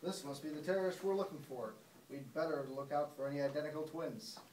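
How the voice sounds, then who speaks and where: A young woman student playing a tough special-forces commander in a put-on deep voice. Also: fast, dark tone, lightly acted. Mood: serious. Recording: roomy classroom, distant mic, faint noise.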